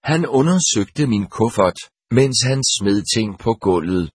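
A man narrating an audiobook in the first person, in a steady, measured reading. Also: lowish voice, breathy edge, no echo, studio quality.

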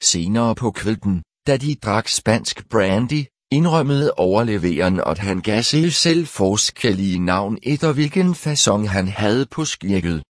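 Male audiobook narrator, low voice, measured reading, dry close recording. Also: animated, dry recording. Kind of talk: scripted narration.

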